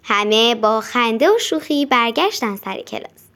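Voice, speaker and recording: A woman narrating a children's audiobook in a gentle, even storytelling manner. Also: a little high.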